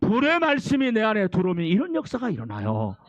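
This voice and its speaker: A male pastor preaching an animated, exhorting sermon, calling the congregation to respond. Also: high-pitched, quick pace, no echo, muffled recording. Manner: animated, exhorting preaching, acts out scripture quotes.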